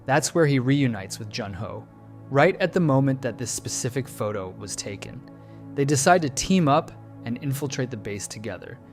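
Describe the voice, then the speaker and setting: Male host for a scripted breakdown read, measured and analytical, mid-pitched, soft music bed underneath. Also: expressive. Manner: measured, analytical, posing questions. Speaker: channel host breaking down a trailer. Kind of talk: scripted video-essay narration.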